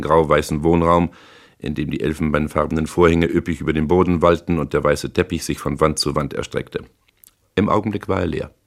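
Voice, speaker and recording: Deep-voiced man narrating a hard-boiled crime novel. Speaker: audiobook narrator.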